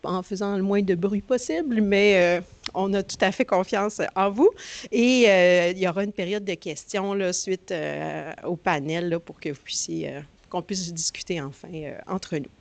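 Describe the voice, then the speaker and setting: A woman's voice: on the low side, normal speed, vocal fry, dry recording. A woman with a Quebec French accent hosting a conference with an informal, hesitant introduction, often searching for words. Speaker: conference host.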